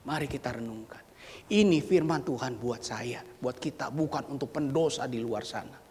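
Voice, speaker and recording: A male preacher giving a sermon, dramatic and swinging from loud exclamations to near whispers, in a church sanctuary. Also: medium pitch, normal speed, slightly rough. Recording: reverberant church hall.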